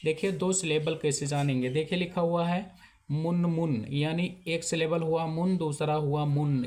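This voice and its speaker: A man's voice: a little high, darkish tone. A man with a slightly raised voice teaches a lesson on writing names. He explains patiently, one step at a time, and repeats each point as he works through the examples. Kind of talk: explaining spelling at a whiteboard.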